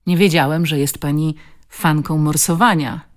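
A woman's voice: sits low, steady tone, normal speed, lightly acted. A woman voicing a weary but friendly middle-aged man in an audiobook, speaking in a hearty, coaxing way.

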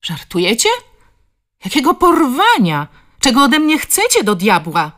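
A woman playing a sharp, scornful woman of forty. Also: medium pitch, huge pitch swings, moderate pace, breathy edge, voice pushed up. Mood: outraged. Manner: sharp, contemptuous. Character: scornful, irritable thin woman around forty.

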